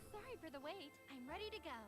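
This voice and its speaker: A woman's voice: very high-pitched, animated, quick pace. A woman playing an eager, perky young investigator in a video game. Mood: cheerful. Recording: game audio with loud music underneath.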